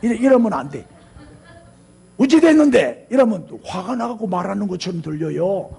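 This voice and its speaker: Husky older pastor with a Gyeongsang accent. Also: male voice, high-pitched, animated, fast talker, warm tone. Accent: Gyeongsang Korean. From Gyeongsang region, South Korea. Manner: conversational preaching with frequent rhetorical prompts; leads the congregation in repeating phrases. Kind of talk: sermon.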